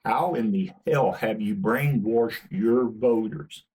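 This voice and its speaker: Man, channel host, blunt opinion rant, swearing, husky voice, slow delivery. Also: lowish voice, dark tone, low-quality recording.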